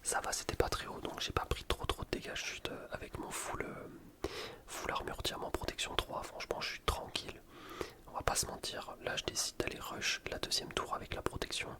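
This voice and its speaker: In an ASMR-style gaming video, a man whispers the whole time, commenting on gameplay in casual slang. He's brisk, rambling from one explanation to the next.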